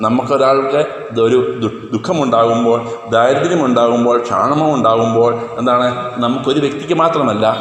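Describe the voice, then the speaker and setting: A man's voice: mid-range voice, fairly bright tone. Man teaching in an echoey room. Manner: explains with repeated questions to students, recites verse lines slowly. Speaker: Hindi teacher. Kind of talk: classroom lesson explaining a poem. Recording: echoey room with long reverb.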